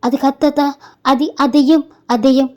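A woman's voice: sits high, fairly even intonation, a little fast, mellow, close to an everyday voice. A woman doing a frightened stammering young man. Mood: scared. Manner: panicked, stammering pleas.

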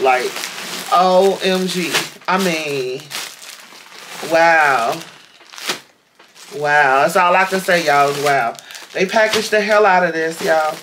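A woman's voice: lowish voice, noisy background. A woman chatting casually to viewers while unboxing a package at home, with lots of fillers and y'all. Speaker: vlogger.

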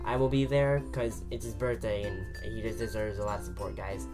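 A teenage boy vlogging in a fast, rambling, excitable way about a day out with friends. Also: on the low side. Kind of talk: casual vlog talk. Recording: music and crowd noise behind.

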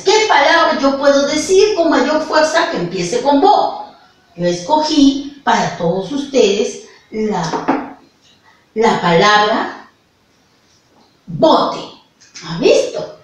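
A woman's voice: on the high side, far from the mic. A woman with a Peruvian accent teaching a virtual lesson to young children, speaking affectionately and stretching her words so they can follow. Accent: Peruvian Spanish. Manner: affectionate, slow and exaggerated for small children. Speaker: primary school teacher. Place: classroom with a whiteboard. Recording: echoey room, away from the mic.

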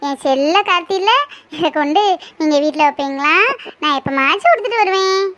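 Field: a woman voicing a shy young village sweetheart, very high voice. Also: fairly bright tone, no room sound. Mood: pleading. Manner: pleading, emotional, quick to tears. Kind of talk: cartoon voice acting. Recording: dull lo-fi recording.

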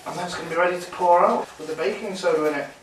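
This home cooking show host talks chattily while working at the stove, giving a casual demonstration in a roomy kitchen at night. His voice is high-pitched and very fast, and the recording is very noisy. Picked up by a camera mic across the room, it sounds roomy and distant.

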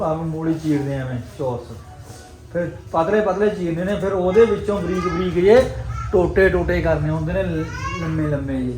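Higher-voiced Punjabi man in an echoey home. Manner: exclamatory, teasing, repeats phrases. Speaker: family vlogger and host. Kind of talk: casual home vlog chat to viewers. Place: home, indoors. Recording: echoey rooms with faint background noise.

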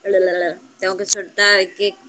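A woman's voice: mid-range voice, flat delivery, normal speed, pushed and bright, slight background noise. A woman student with a Panamanian Spanish accent, chatting playfully in an online class.

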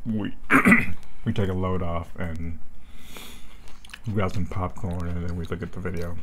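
A man's voice: low-pitched, steady tone, a little slow, very noisy. A man in his thirties chatting casually while eating, chewing between phrases, recorded in a room at home. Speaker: mukbang vlogger. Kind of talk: casual chat. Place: small room at home, indoors.

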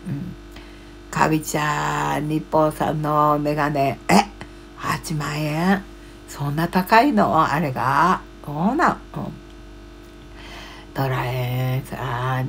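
A woman in her seventies chatting casually as a live streamer, reading out viewer comments haltingly with short murmured acknowledgements. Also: creaky. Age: 70s. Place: small cluttered room at home, indoors. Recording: low electrical mains hum.

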